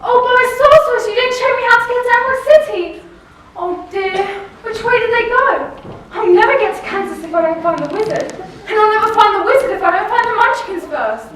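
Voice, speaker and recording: A woman's voice: very high voice, animated, fairly quick, fairly bright tone. A woman playing an earnest, homesick young girl in a stage play, pleading and wide-eyed. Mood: earnest, curious. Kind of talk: theatrical stage play acting. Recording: very echoey hall, distant mic, faint noise.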